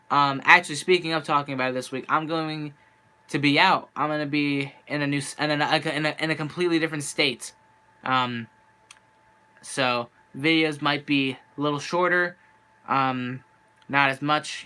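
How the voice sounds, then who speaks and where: A young man streams from home, his voice bright and clean but worn from an hour of talk. He vents in a frustrated, rambling way, restarting his sentences. He sits a touch high for a man. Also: clean tone. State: losing his voice. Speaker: sports fan streamer. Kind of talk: venting live-stream monologue. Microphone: handheld camera.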